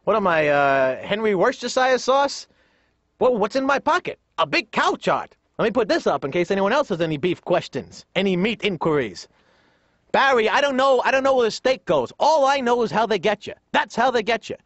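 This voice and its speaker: A man's voice: sits high, sing-song, moderate pace, fairly bright tone, no room sound, dull audio, pitched above the performer's own voice, full character voice. A man doing his ranting old New dad. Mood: grumbling. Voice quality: ranting, whiny. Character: suspicious grumbling older New York father.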